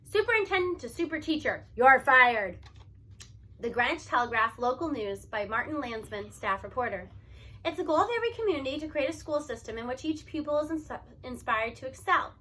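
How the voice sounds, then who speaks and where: A woman's high voice, bright with a forward edge, narrates a first-person story a little fast. She reads in an animated storytelling manner, expressively stressing key words.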